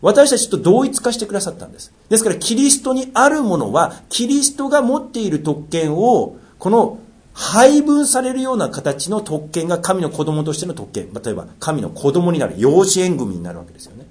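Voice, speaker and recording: A man preaching a sermon, reading scripture aloud and dropping into low, quiet asides between passages. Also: big pitch swings, a little fast. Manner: swings between raised reading and low asides, jokes lightly. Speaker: pastor.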